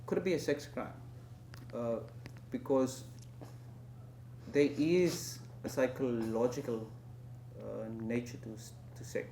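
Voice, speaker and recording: A man's voice: mid-range voice, fairly even intonation, slow pace, mellow, slight background noise. Hesitant man, echoey room. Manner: hesitant, restarts and "uh" fillers. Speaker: interview host. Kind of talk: interview questions.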